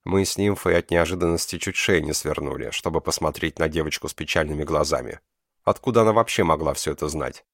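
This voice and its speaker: A man's voice: extremely low pitch, quick pace, fairly bright tone, no room sound, clean studio sound. A man reading a novel aloud in the first person, narrating and voicing the husband. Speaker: audiobook reader.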